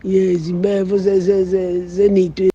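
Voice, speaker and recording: A man reading a practice passage aloud over a muffled video call. His voice is high yet mellow and husky, and he stumbles and repeats syllables as he works through the text. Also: completely flat delivery, measured pace. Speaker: student.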